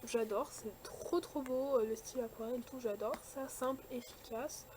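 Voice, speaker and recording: A young woman chatting casually through a shopping haul, full of fillers and quick likes and dislikes. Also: fairly high pitch, steady tone, noisy background. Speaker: vlogger showing a shopping haul. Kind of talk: casual chat.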